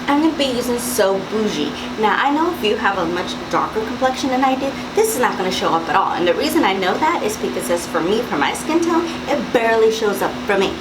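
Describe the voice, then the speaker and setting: Fast and with few pauses, a young makeup vlogger talks to camera in a raspy morning voice of medium pitch with big swings. Her tutorial chatter is instructive and peppered with fillers and asides, set against loud hiss and an air-conditioner hum.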